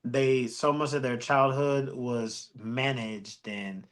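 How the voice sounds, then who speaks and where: A man co-hosting a podcast in casual chat, talking in a slow, drawn-out way and often repeating himself. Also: medium pitch, fairly even intonation, a bit bright. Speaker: podcast co-host.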